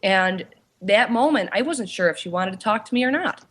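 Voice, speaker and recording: A woman, a paranormal investigator and author, telling her story in a casual interview, often pausing with "you know" and restarting her sentences. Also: medium pitch, lively intonation, fairly bright tone.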